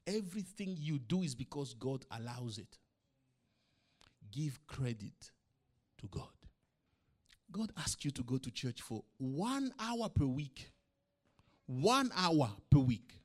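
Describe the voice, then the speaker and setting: A middle-aged pastor who isn't a native English speaker preaches to his congregation, firing off emphatic rhetorical questions and swinging from loud to soft. His medium-pitched voice has a sing-song lilt, and he speaks slowly with long pauses.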